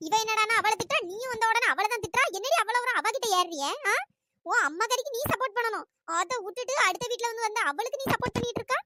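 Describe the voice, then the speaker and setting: A performer voicing a domineering older mother-in-law who shouts and berates her daughter-in-law in a cartoon. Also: very high-pitched, quick pace, a little hiss or hum. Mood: scolding. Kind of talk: cartoon voice acting.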